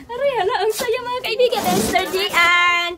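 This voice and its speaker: A woman vlogger, exclaiming constantly and talking to her viewers during an excited family unboxing. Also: very high voice, normal speed, very noisy. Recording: loud crowd of people around.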